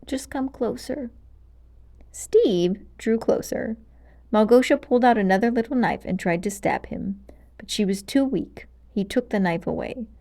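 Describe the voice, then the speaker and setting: In a mid-range voice and at a moderate pace, a woman narrates a children's storybook. Her reading is expressive and dramatic, with clear pacing.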